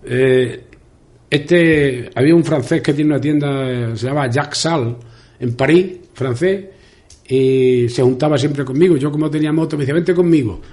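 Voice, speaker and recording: A man's voice: mid-range voice, moderate pace, darkish tone. An older man from Spain with an Extremaduran accent, telling a long story in a rambling way as a radio interview guest, repeating words and acting out past conversations. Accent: Extremaduran Spanish. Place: local radio studio.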